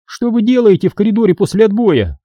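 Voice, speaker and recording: A man's voice: sits high, big pitch swings, fast talker, mellow, dry recording, clean studio sound, pitched above the performer's own voice. A man voicing a strict, prim female warden who scolds sharply with a falsely sweet manner. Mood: stern.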